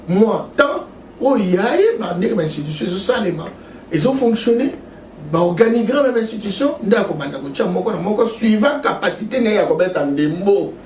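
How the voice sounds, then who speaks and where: An emphatic man talks politics with a high, swooping voice that rises and falls constantly. He laughs often as he makes his points. He is heard from a distance in an echoey studio with a faint hiss. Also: a little mellow. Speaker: political guest. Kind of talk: impassioned political talk. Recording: echoey room from far off.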